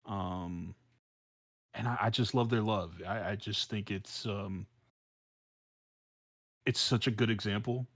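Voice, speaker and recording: An American podcast co-host from South Central Los Angeles speaks slowly in a lowish, fairly even voice, leaving long pauses. He chats casually but hesitantly, repeating phrases while he hunts for words. The studio sound is clean, with no echo.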